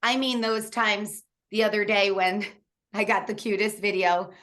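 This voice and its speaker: A woman's voice: medium pitch, fairly even intonation, a little slow, fairly bright tone. Guest, woman, 40s: candid, laugh-prone storyteller, casual interview over a video call. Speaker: author and coach guest.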